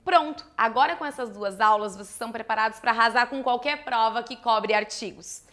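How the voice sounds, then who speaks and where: Bright, playful young woman teaching Spanish. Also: fairly high pitch, brisk. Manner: playful, chatty, rhetorical questions. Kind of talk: lively online lesson. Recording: faint background music.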